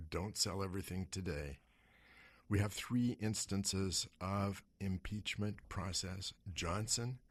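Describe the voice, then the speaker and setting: Hosting a money-focused radio program, a man speaks in a fairly low, hoarse, husky voice, worn from smoke. As a host and investment advisor, his monologue relies on rhetorical questions with lively rises and falls, recorded close on a studio microphone.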